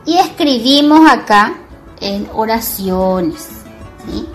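A woman teacher explaining marks, talking slowly and repeating words to make a point. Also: on the high side, expressive, faint music behind. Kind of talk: bilingual Guarani and Spanish grammar lesson.

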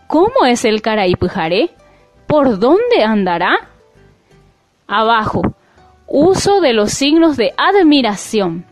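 A woman teaching a language lesson, explaining slowly and clearly, with faint music behind her. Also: fairly high pitch. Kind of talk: classroom lesson.

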